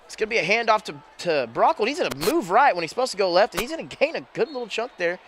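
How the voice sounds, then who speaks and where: A man calling high school football play-by-play from a press box, quick and excitable with chatty asides. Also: slight background noise. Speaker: play-by-play announcer. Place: press box above a stadium.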